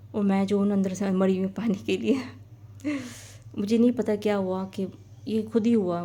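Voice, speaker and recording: A woman's voice: mid-range voice, warm tone. A woman telling a personal story in a casual, rambling way, often repeating her phrases.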